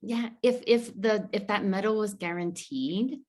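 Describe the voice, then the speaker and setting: A woman's voice: medium pitch, unhurried, a little mellow. A woman interviewer in a casual interview, encouraging, drawing life lessons from her guest's stories. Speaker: interviewer, club founder.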